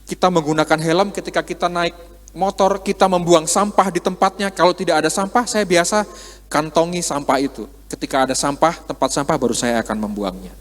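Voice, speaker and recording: A man preaches in a relaxed, talking style, tossing rhetorical questions at the congregation and acting out little exchanges. His voice sits a touch higher than most men's. Long reverb from the church hall trails after his words. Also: brisk. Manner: conversational, with quoted dialogue and rhetorical questions. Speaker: pastor. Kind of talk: sermon.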